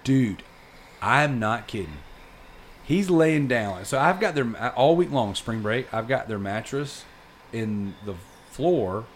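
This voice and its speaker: Man, 30s, podcast host, casual rambling storytelling, animated, faint background noise. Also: medium pitch, slow. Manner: rambling and animated, lots of fillers like dude and freaking.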